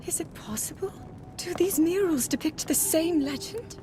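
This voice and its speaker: A woman playing a young princess scholar in a video game, gentle, earnest and curious, speaking softly and precisely. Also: extremely high pitch, moderate pace. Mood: studious wonder. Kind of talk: video game cutscene voice acting. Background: music.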